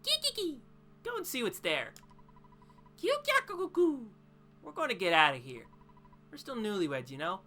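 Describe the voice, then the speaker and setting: A woman voicing a cheerful little alien creature, reading game dialogue aloud with high chirpy babble between lines. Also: huge pitch swings, moderate pace, pauses often, sharp tone, soft background music, exaggerated voice.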